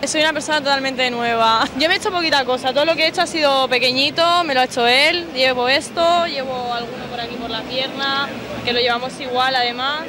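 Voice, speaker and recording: A young woman with a high voice chats frankly, joking and teasing her partner. She speaks into a handheld mic in a large expo hall. Clear background noise of the convention hall fills the recording. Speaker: interviewee at a tattoo convention. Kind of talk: casual chat. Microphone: handheld interviewer mic.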